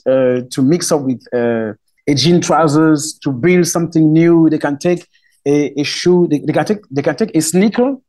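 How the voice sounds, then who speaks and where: Interviewed on the radio, a festival spokesman from Cameroon uses English as a second language, his first being Romala. The middle-aged man has a fairly high, mellow voice with a Cameroonian accent, and his speech is full of fillers and restarts, captured in poor audio quality.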